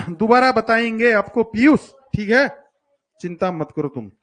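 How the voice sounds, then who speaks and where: A man with a high-pitched, animated voice speaks a little slowly while teaching math to children online, live. As a coaching teacher for school entrance exams, he teases and coaxes his pupils and weaves English terms into his talk.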